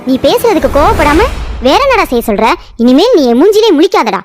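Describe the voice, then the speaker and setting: A woman's voice: sits high, very animated, brisk, darkish tone, faint music behind. A woman voicing a hot-tempered young woman in a cartoon story, scolding and insulting sharply. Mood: furious.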